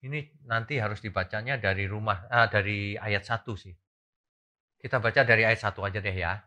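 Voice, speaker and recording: A man preaching a church sermon, animated and rising loud for emphasis as he asks the congregation questions. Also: fairly low pitch, normal speed. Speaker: pastor.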